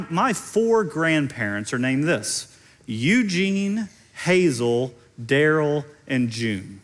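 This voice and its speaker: A middle-aged man with a Central Kentucky accent preaching in a conversational, explanatory way, repeating phrases for emphasis. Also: on the high side. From central Kentucky, United States. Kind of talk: teaching sermon on stage. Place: large indoor stage.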